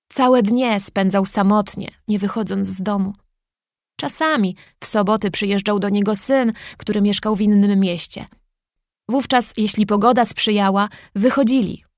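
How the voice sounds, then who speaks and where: A woman narrating a children's story in a calm, measured and gently expressive way. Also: mid-range voice, dry recording, studio quality.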